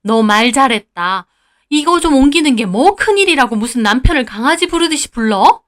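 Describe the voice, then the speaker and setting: A woman voicing an older, quick-tempered mother-in-law who scolds and sneers. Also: high-pitched, very animated. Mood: scolding.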